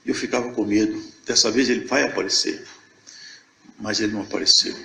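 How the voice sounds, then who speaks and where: An older man from Viçosa, telling his religious testimony as a lively storyteller who acts out the dialogue. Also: on the low side, brisk, gravelly, reverberant, slight background noise. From Brazil, Viçosa. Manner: animated storyteller acting out dialogue. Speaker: church member giving testimony.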